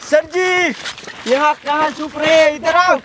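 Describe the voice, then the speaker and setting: High-voiced, wary village man. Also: fairly even intonation, measured pace, background noise. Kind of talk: rural comedy sketch acting.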